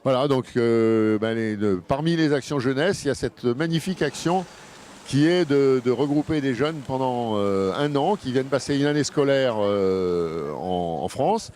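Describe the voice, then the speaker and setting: A man who heads a district youth program, giving an interview statement outdoors with frequent hesitant pauses. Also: mid-range voice, animated, a little mellow, a little hiss or hum. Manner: hesitant, many filler pauses.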